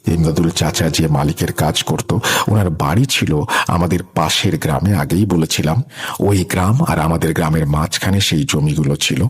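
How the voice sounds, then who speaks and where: A man hosting a horror radio show, narrating a ghost story in a measured, dramatic way. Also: a bass voice, slightly rough.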